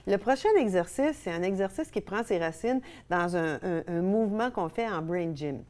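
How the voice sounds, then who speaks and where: A woman's voice: fairly low pitch, lively intonation, normal speed, a little mellow. A middle-aged woman with a Québécois accent who hosts a laughter yoga show. She guides exercises in a bubbly way, bursting into hearty laughs and ho-ho-ha-ha chants. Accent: Québécois French. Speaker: laughter yoga instructor and host. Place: TV studio.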